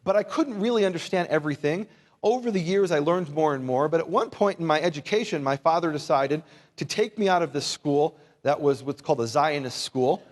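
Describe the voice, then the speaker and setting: A slightly fast, high-leaning male voice belongs to a native English speaker teaching an informal Bible lesson to a live audience. He is a Bible teacher and lecturer with a conversational, wryly humorous approach, posing rhetorical questions and getting listeners to repeat words.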